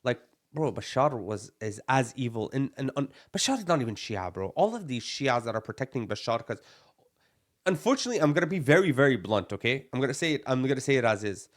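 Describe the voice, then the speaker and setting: A man's voice: mid-range voice, very animated, fast talker. A young man from Palestine, a podcast co-host, arguing bluntly and emphatically in a heated discussion, peppering his talk with "bro" and Arabic phrases.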